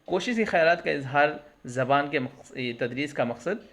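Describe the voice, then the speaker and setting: Male teacher, slightly high voice, patient exam-prep lesson that poses questions and then answers them. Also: animated, a bit bright. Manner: explains terms with English glosses, asks and answers own questions.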